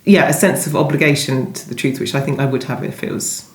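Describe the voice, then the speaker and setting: In an echoey, roomy recording, a novelist talks through an interview as if thinking aloud, frequently pausing to hesitate or reword her ideas. Her voice is very deep, and she talks fast.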